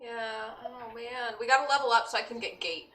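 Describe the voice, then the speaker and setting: A woman's voice: a little high, steady tone, moderate pace, fairly bright tone, recorded from a distance. A woman playing a tabletop game, talking eagerly about her character's plans. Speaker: player. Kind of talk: casual tabletop play.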